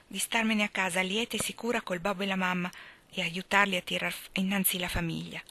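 A woman reading aloud, voicing a shy, gentle young girl who speaks softly and modestly. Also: medium pitch, fairly even intonation, brisk, no echo. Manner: soft, quiet, modest.

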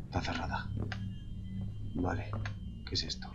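A man's voice: a little slow, dull audio, heavy background noise. A man from Spain with a Spanish accent, commenting on a horror game; he swears, whispers when tense, yelps at scares and keeps talking to his viewers as lads. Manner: jumpy and profane, drops to whispers and bursts into yelps. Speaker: gamer.

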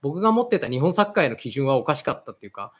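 A man's voice: fairly high pitch, big pitch swings, rapid-fire, a bit bright, slightly rough. A man in his thirties hosting a football channel, talking casually and reflectively in a mix of plain and polite speech. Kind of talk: casual commentary talk.

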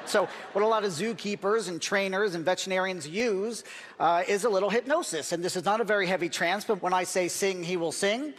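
A man's voice: high-pitched, a little fast, long reverb tail. A middle-aged man performing stage comedy as a hesitant, mock-earnest animal trainer. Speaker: ventriloquist posing as bird trainer. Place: large theater stage. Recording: loud audience noise in theater.

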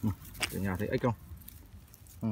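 Man, slightly low voice, casual vlogger talk, outdoors on a camera mic with loud rural background noise. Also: moderate pace. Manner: chatty, addresses viewers as family. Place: outdoors in rice fields. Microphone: handheld phone or body camera. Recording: noisy outdoor field recording.

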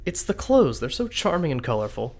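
A man's voice: fairly high pitch, very animated, brisk, a little mellow. A man riffing on a video game with dry, joking commentary. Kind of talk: comedic let's-play riffing. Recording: voice over game audio with music.

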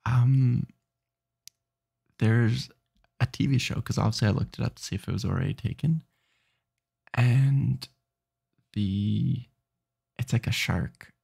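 A man's voice: medium pitch, slow, vocal fry, long pauses, darkish tone, slightly rough. A sleepy man streaming late at night, rambling and restarting his sentences as he chats. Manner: rambling, self-interrupting, tired.

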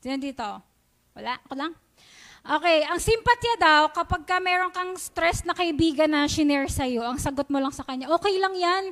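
A woman's voice: sits high, lively intonation, normal speed, fairly bright tone. A woman with a Filipino accent giving a sermon in a conversational way, often asking the congregation questions and mixing English into her talk. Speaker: preacher. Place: church sanctuary.

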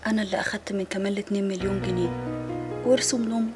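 A woman's voice: high voice, animated, fairly quick. An actress with an Egyptian accent playing a distraught young woman who has lost her baby, sobbing and crying out in grief in a TV drama. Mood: tearful. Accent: Egyptian Arabic. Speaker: grieving daughter. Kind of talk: TV drama acting. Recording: music score underneath.

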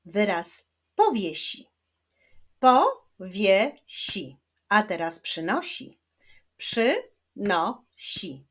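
A woman teacher giving a children's reading lesson, slowly clapping out words syllable by syllable. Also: medium pitch. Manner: slow, clapping out syllables one by one.

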